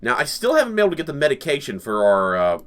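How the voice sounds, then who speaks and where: Animated, joking male game commentator. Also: mid-range voice, rapid-fire. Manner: rambling, joking, chuckles often. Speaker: gaming channel host. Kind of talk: casual let's-play commentary.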